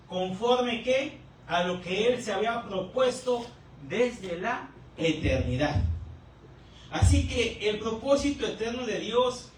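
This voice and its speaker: A male pastor preaching a teaching sermon, who keeps checking in with the congregation and repeats key words slowly. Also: high-pitched. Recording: echoey room, distant mic, faint noise.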